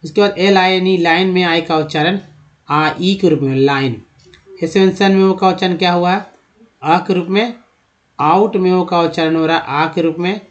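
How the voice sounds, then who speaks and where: Male teacher with a fairly high voice, patient step-by-step explainer, muffled lo-fi audio. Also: steady tone, normal speed. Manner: repeats questions and answers them himself, addresses viewers as friends. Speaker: English teacher. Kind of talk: explanatory lesson. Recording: dull lo-fi sound.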